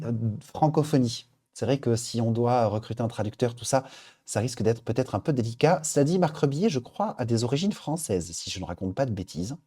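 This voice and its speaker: Mellow-voiced man hosting a live stream. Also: mid-range voice. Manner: upbeat, chatty, thinking aloud. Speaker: livestream host. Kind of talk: casual live chat, reading viewer suggestions.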